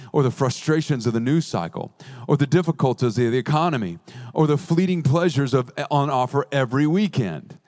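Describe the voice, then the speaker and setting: A pastor delivers a sermon in a medium-pitched, darkish voice. He's earnest but slips in playful asides, slowing down to stress key phrases.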